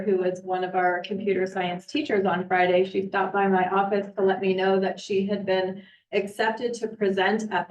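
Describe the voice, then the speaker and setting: Chatty woman superintendent in echoey room. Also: mid-range voice. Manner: chatty, with frequent ums and uhs. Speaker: school district superintendent. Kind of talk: meeting update, casual and unscripted. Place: boardroom. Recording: echoey, distant, muffled meeting audio.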